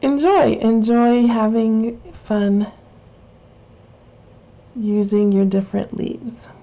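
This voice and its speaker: A woman's voice: on the high side, fairly even intonation, slow, highs cut off. A woman casually talking through a Bible journaling craft tutorial, chatty and rambling, with many fillers and restarts. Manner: chatty, rambling, self-correcting with frequent fillers.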